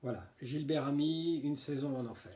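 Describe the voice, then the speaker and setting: A man's voice: fairly high pitch, normal speed, a little mellow. A man casually reviewing albums from his own collection, hesitating often, repeating words and tagging his phrases with little filler words. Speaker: music collector presenting albums. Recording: roomy echoey room.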